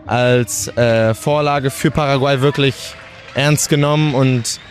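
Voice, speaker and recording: A young man interviewed outdoors, with faint music in the background. He speaks in a relaxed, chatty way and often breaks off to restart a sentence. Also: medium pitch, slow. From Germany, raised in Portugal. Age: young adult. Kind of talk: casual interview.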